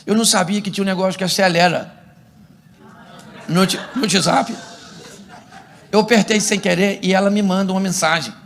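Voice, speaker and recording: A middle-aged Brazilian man, a pastor, preaching a humorous sermon and acting out couples' arguments in an animated way. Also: high-pitched, moderate pace, vocal fry, pauses often, a little hiss or hum. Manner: animated, acts out couples' quarrels for laughs.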